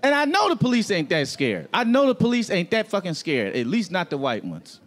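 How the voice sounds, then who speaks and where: A young man doing a stand-up set on a comedy club stage, talking loud and animated into a handheld mic, swearing freely. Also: sits high, normal speed, some chatter behind.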